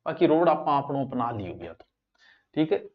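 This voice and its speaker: A male teacher with a Rajasthani accent, running a lively exam-prep spelling class and teasing his students in local dialect. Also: medium pitch, moderate pace, phone-quality sound.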